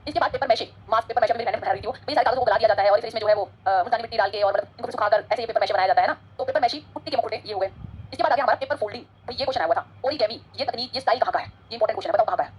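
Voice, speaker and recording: Fast-talking husky woman teacher. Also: a little high. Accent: Hindi-English code-switching. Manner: fast, chatty, switches between Hindi and English. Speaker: exam prep teacher. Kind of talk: online exam-prep lecture.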